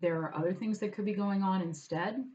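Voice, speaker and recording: A woman's voice: mid-range voice, a little fast, dark tone, muffled recording. A woman vlogging at home, chatting casually and meandering over her lunch. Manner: chatty, meandering, talks to her cat aside.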